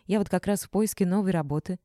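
A woman reading a cool, defiant young woman clerk who talks in brisk, curt, unbothered replies. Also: medium pitch, warm tone, no echo, studio quality, close to an everyday voice. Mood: breezy.

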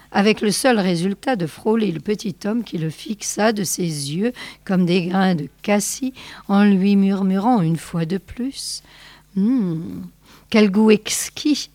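Woman reader, unhurried storytelling, dry close sound, measured delivery. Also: mid-range voice, darkish tone, no room sound. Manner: slow, measured reading. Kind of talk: reading a short story aloud.

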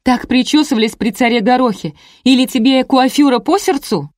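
A woman's voice: fairly high pitch, moderate pace, a little mellow, no room sound, clean studio sound, voice pushed up, lightly acted. A woman reading an audiobook, voicing a hysterical jealous wife who shrieks and hurls insults. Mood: shrill furious. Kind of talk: audiobook character voice.

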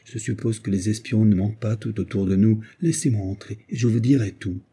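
A man voicing an agitated, tipsy, timid male doctor who pleads in a hushed, fretful way. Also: fairly low pitch, a little fast, breathy edge. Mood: pleading.

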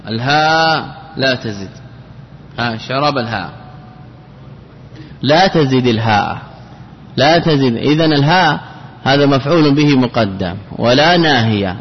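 A man's voice: mid-range voice, a little hiss or hum. Man lecturing in a reverberant hall. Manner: asks rhetorical questions and repeats key phrases. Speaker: grammar teacher. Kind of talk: classroom lecture on Arabic grammar. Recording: dull lo-fi recording with long hall reverb.

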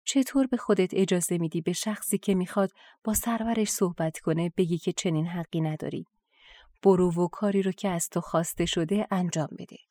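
Woman reading calm assured young wife, low mellow voice, dry close sound. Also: no room sound, close to an everyday voice. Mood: stern.

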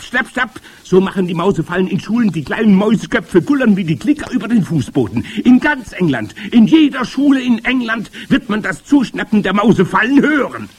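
A man voicing a commanding, evil old witch queen in a storybook reading, with shrill, gloating, theatrical speech. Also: very animated, moderate pace, few pauses, husky, full character voice. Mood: triumphant. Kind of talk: audiobook character voice.

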